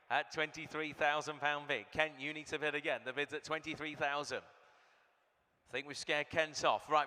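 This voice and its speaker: Fairly high-pitched and bright, this man's pushed voice calls out prices and bids as an auctioneer at a live sale, throwing chatty asides to bidders between calls. He's in a large auction hall, and the PA gives the recording hall reverb.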